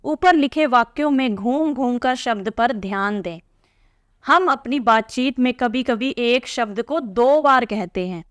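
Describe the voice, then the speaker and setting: A woman teacher speaks slowly and patiently, walking young pupils through a textbook lesson. Her voice sits a little high and comes across smooth and clear. The recording is dry and close. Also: no echo. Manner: slow, patient, checks in with "theek hai?".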